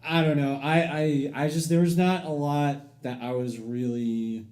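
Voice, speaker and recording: A man co-hosting a podcast talks casually about movies in a somewhat high, slightly mellow voice, steady and moderately paced. He's easygoing and agrees often with "yeah, yeah."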